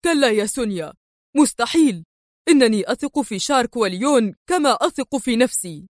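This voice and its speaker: A ruthless female gang boss speaks with cold, harsh sternness, her voice climbing high and swinging widely as a woman reader puts her on. The sound is dry and close, without room echo. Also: lively intonation, brisk, a little mellow, natural voice.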